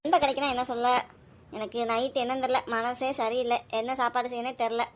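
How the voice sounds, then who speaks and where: A woman in her thirties, a mother talking with her child in a casual family vlog, brisk and scolding yet caring. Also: on the high side, level tone, slight background noise.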